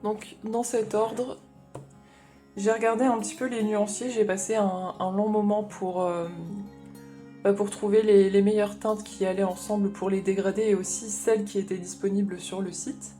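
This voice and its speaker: A woman's voice: medium pitch, flat delivery, moderate pace, mellow, faint music behind. A woman chatting casually in a haul vlog, explaining her craft supplies as she thinks aloud. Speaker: craft vlogger.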